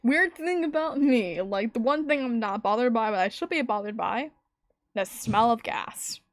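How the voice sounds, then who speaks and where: A woman's voice: on the high side, lively intonation, normal speed, no room sound. Giggly woman streamer, dry close mic. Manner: giggly, rambling, laughs often. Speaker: streamer host. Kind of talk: casual chat.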